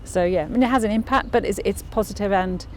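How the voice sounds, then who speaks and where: A woman's voice: medium pitch, quick pace, slight background noise. A woman, a local councillor answering interview questions thoughtfully, with many restarts and fillers.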